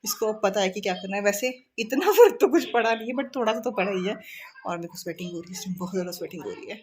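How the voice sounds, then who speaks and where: A woman's voice: mid-range voice, animated, quick pace, a little mellow. A woman in her thirties, a mother chatting casually to her vlog at home and playing with her child, mixing English words into her talk. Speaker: mother and vlogger. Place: home living room.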